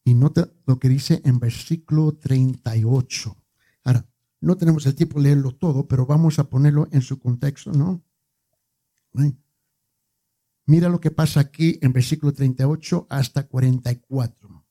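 A man's voice: mid-range voice, normal speed, mellow. A male preacher giving a conversational sermon, repeating words for emphasis and joking with his congregation.

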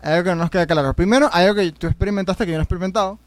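A Venezuelan man hosting a casual podcast, with a notably high voice. He talks loosely and uses lots of slang, often restarting his sentences. The sound is dry and close. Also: rapid-fire, no room sound. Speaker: podcast host.

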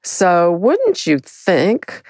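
An older woman telling a personal story in an animated, self-mocking way. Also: drawn-out words, slightly rough, dry recording, studio quality. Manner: animated, self-mocking, big swings in pitch.

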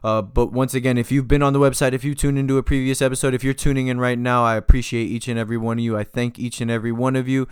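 A man's voice: medium pitch, level tone, rapid-fire, few pauses, smooth, no echo, studio quality. A man hosting his own podcast, wrapping up in a casual, laid-back monologue full of "uh" and "yo". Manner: laid-back, loose, with many fillers like "uh" and "yo". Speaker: podcast host.

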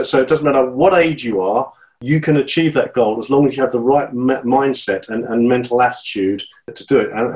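A British man in his fifties, a channel swimmer, appears as a guest in a casual interview, sounding earnest and encouraging while often repeating and restarting his words. His voice is medium-pitched and a little mellow, and the audio quality is poor.

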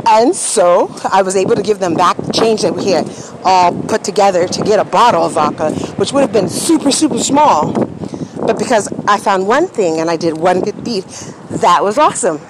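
Tipsy woman, rambling and cussing, recorded on a phone on a street with traffic rumbling behind. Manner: rambling, profane, storytelling. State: a little tipsy. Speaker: podcast host. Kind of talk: casual walking monologue. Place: outdoors on a city street. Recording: street noise with passing traffic.

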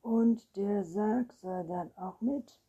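A woman's voice: fairly low pitch, little pitch movement, unhurried, dark tone, slightly rough, lo-fi sound. A woman reading a storybook, voicing a timid, easily frightened schoolboy. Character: timid, anxious human schoolboy.

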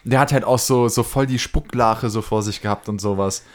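A man's voice: lowish voice, a little fast. A young man casually telling a rambling anecdote on a podcast, full of slang and fillers. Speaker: podcast co-host. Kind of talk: casual storytelling.

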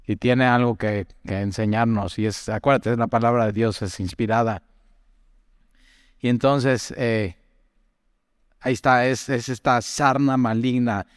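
A man gives a conversational Bible talk, often turning to the listener with questions and stories from his own life. His voice is smooth and clean, with a long trailing reverb behind it. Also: mid-range voice, steady tone, measured pace, pauses often, clean studio sound. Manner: chatty, asks the listener direct questions, tells personal stories. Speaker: Bible teacher.

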